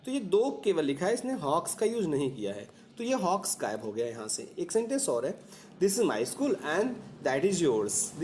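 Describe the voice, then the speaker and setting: A man's voice: a little high, a little mellow, a little hiss or hum. A man teaching an exam-prep lesson, explaining step by step and often checking in with rhetorical questions.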